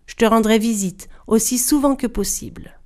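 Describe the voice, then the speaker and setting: A woman voicing a husband who gives his bride slow, careful instructions, in a storybook reading. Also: on the high side, darkish tone, lightly acted. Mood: solemn.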